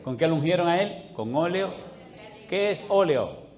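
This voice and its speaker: A male pastor preaching a sermon, firing questions at the congregation and swinging between loud appeals and hushed asides. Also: a little high, lively intonation, moderate pace.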